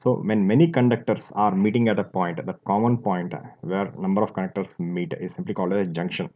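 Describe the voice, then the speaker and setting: A man's voice: deep voice, fairly even intonation, brisk. A man teaching a physics lesson, explaining step by step as he draws, with fillers and restarts. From India. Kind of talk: classroom lecture while drawing. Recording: tinny phone-like audio.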